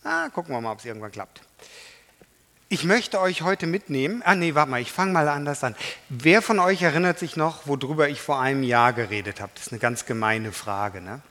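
A man's voice: a little high, expressive, normal speed, bright, forceful tone. A man preaching a sermon to a congregation in a conversational way, often putting questions to his listeners. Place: church hall. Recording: reverberant hall.

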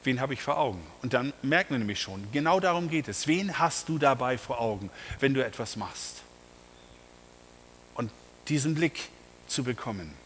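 Man preaching, sermon, emphatic, rhetorical questions, slightly raised pitch, faint background noise. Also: fairly bright tone, in a large hall. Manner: addresses the congregation directly.

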